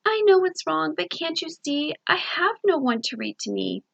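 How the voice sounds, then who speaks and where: A woman voicing a small, timid storybook creature who steals books and is sorry for it, in a tiny high pleading voice. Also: big pitch swings, moderate pace, vocal fry, muffled recording, full character voice. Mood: tearful.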